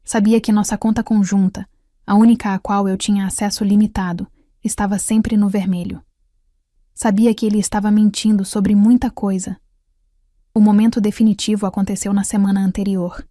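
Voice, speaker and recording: A woman telling a sad first-person life story in a somber, measured scripted narration. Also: mid-range voice, level tone, dark tone, dry recording, clean studio sound.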